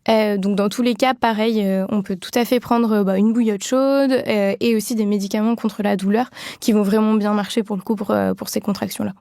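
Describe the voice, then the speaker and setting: A woman's voice: medium pitch, steady tone, fairly quick, gravelly, few pauses, warm tone, no echo, studio quality. A woman midwife explaining things in a podcast interview, with many fillers and restarts.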